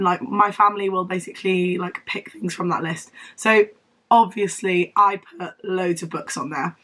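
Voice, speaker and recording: A woman's voice: medium pitch, fairly bright tone. A young woman with a southern English accent chats casually to camera in a wheezy, strained voice, unwell and rambling in a self-deprecating way. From Devon, England. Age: young adult. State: unwell, losing voice. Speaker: book vlogger. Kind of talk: casual chatty vlog to camera.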